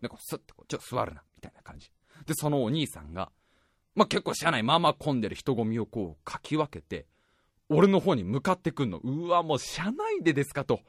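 A man hosting a show, telling a comic story in an animated, self-mocking way and often laughing as he talks. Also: a little high, fast talker, no room sound, clean studio sound.

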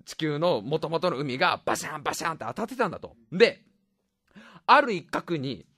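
A man in his thirties telling a rambling comic monologue in rough casual speech, laughing often and tripping over his words. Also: a little high, big pitch swings, a little fast, fairly bright tone, dry recording.

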